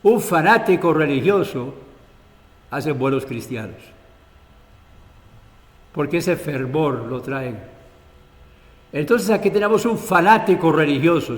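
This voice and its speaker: Costa Rican pastor, sermon, voice pitched a bit high, long echo in a church. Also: male voice, lively intonation, measured pace, pauses often. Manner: colloquial storytelling, acts out the scripture. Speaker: preacher.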